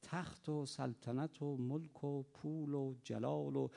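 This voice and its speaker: Gravelly preacher in a reverberant hall. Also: male voice, fairly high pitch, fairly even intonation. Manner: swings from soft to loud emphatic cries. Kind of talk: sermon with storytelling.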